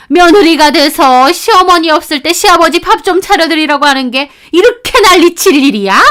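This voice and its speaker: A woman's voice: medium pitch, smooth. A woman narrating a first-person family story in an indignant, confiding manner.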